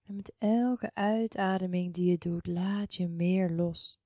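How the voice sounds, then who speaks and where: A woman guiding a relaxation meditation in a soft, hushed, near-whispered voice, soothing and unhurried, with long pauses. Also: fairly low pitch, steady tone, no echo, studio quality. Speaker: yoga and meditation guide.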